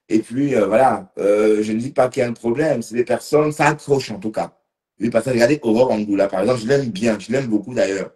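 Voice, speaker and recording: A man's voice: mid-range voice, warm tone. Tipsy man rambling on a live stream. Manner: rambling, addresses commenters by name. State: slightly tipsy. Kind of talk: casual live-stream chat to viewers.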